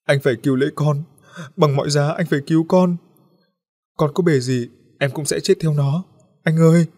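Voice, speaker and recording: A man's voice: fairly high pitch, fairly even intonation, normal speed, a little mellow, pitched above the performer's own voice. A man voicing a desperate young mother who pleads through sobs in a story reading. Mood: sobbing, pleading.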